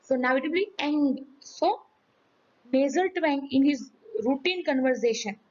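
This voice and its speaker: Hoarse, high-voiced woman teaching. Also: expressive, unhurried, darkish tone, dull audio. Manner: checks in often with "okay?" and "ready?". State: hoarse from yelling. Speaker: physiology teacher. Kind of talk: medical lecture with demonstration.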